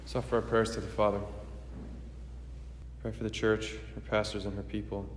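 Solemn priest in cathedral-like echo. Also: male voice, on the low side, little pitch movement, a little hiss or hum. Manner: measured, reverent, formal recitation. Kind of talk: solemn liturgical prayer. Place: large echoey church. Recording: cathedral-like echo, long hall reverb.

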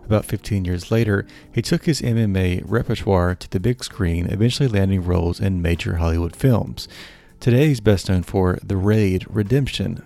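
A man hosting a podcast, reading a smooth scripted introduction. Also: sits low, warm tone. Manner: smooth, read-out delivery. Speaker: podcast host.

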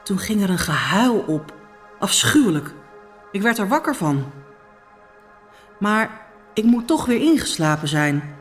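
A woman's voice: medium pitch, big pitch swings, a little slow, long pauses, soft background music. A woman playing a troubled Roman noblewoman who tells of her dreams in a solemn, urgent first-person monologue. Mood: haunted. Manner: solemn, urgent, hushed storytelling. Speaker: Pilate's wife.

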